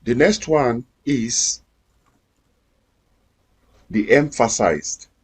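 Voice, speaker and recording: A man's voice: mid-range voice, animated, very slow, husky. A man teaching a screen-recorded coding lesson, explaining each step patiently and repeating himself. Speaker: coding instructor.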